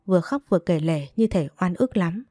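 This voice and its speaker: A woman narrating a story in a steady storytelling way. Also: fairly low pitch, fairly quick, dry recording, studio quality, faint music behind.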